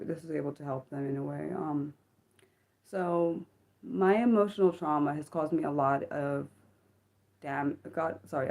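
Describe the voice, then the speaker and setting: A woman in her thirties speaks slowly on a personal, reflective livestream from home, her voice low and mellow with a slightly sick edge. She halts often, fills gaps with ums and keeps correcting herself with small apologies.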